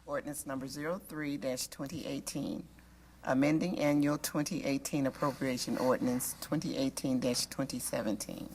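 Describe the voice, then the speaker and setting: A woman's voice: very deep voice, fairly even intonation, normal speed. A woman working as a council clerk, formally calling the roll and reading titles aloud. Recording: faint background room noise.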